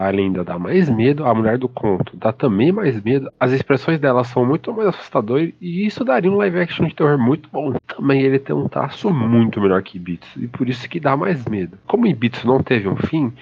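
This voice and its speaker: Fast-talking Brazilian man recapping a manga. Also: medium pitch, gravelly, slightly rough, dull audio. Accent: Brazilian Portuguese. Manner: flat, hurried retelling chained with "e". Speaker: manga reviewer. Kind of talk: casual plot recap and commentary.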